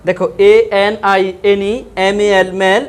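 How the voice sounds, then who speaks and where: A man's voice: sits high, little pitch movement, unhurried, clean tone. A male teacher giving an online vocabulary lesson, spelling each word letter by letter and then repeating questions about how it is said and what it means.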